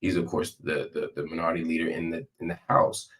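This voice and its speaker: A man's voice: very deep voice, flat delivery, fast, fairly bright tone. A man hosting live political commentary from a hospital room, talking straight to his viewers in an emphatic, conversational way with repetition for effect.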